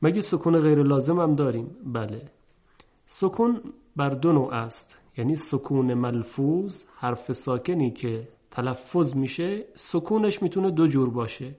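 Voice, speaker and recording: A man teaching Quran recitation in a measured, explanatory way, slowly drawing out example words to show their sound. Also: mid-range voice, mellow. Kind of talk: recorded lesson lecture. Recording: muffled lo-fi recording.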